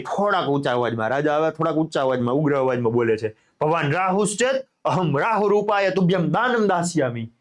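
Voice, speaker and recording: Man teaching Sanskrit, slightly high. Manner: reads Sanskrit lines then explains them in Gujarati, asking the class questions. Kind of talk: explaining a Sanskrit lesson in Gujarati.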